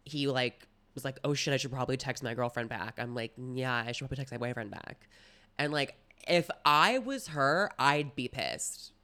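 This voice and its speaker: A man's voice: medium pitch, moderate pace, pushed and bright, smooth. A young adult man chatting casually in a sassy, dramatic drag-queen manner, telling gossipy stories in a campy way. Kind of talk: casual gossipy storytelling chat.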